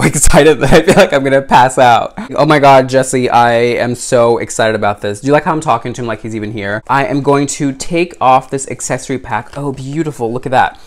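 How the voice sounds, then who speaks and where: A man reviewing a collector doll in an unboxing vlog. He gushes, gasps and squeals, and chats directly to his viewers and to the doll's designer. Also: mid-range voice. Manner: gushing, exclamatory, frequent gasps and squeals.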